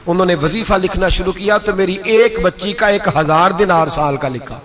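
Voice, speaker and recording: A man preaching a sermon in a high, ringing voice. He tells his story with passion, driving his lines up to fierce emphatic peaks. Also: normal speed, fairly bright tone. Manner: impassioned, builds to high-pitched emphatic peaks.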